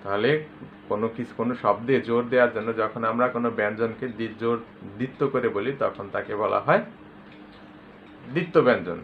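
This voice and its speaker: A man teaching a grammar lesson to school students, patiently explaining and repeating example words with loud stress. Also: mid-range voice, a little hiss or hum. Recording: tinny lo-fi phone-like recording.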